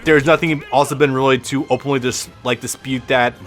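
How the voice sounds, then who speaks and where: A man's voice: mid-range voice, steady tone, fairly quick, fairly bright tone, soft background music. Rambling man with a lisp. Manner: rambling, profane, frequent restarts. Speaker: let's play host. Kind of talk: casual gameplay commentary.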